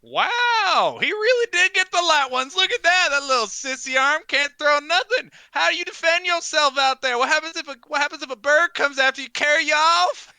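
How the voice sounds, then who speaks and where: A man's voice: very high-pitched, moderate pace, few pauses, sharp tone, no room sound, pitched above the performer's own voice, heavily acted. A man voicing a taunting carnival game attendant who mocks players in folksy slang. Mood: mocking.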